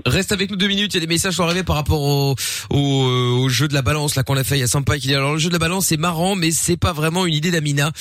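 A man's voice: a little high, fairly even intonation, very fast, fairly bright tone, no room sound, studio quality. A man hosting a late-night call-in radio show, laid-back and full of hesitant fillers. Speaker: radio host.

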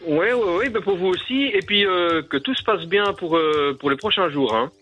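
A man calling in to a radio show, his voice sitting a little high for a man. He tells a story in an easygoing, rambling way and often pauses to hesitate. Faint music plays underneath the call. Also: sharp tone. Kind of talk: casual call-in chat, telling an anecdote.

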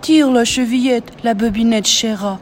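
A woman reading a storybook aloud, voicing a hungry scheming male wolf with a loud, drawn-out delivery. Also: a little high, a little hiss or hum, natural voice. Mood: coaxing.

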